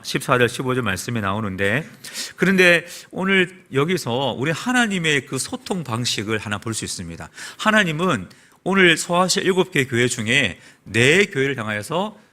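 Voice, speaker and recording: A man preaching a Sunday sermon as a pastor in a church, asking the congregation rhetorical questions. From South Korea. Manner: preaching with rhetorical questions and lively swings in pitch and volume. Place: church sanctuary.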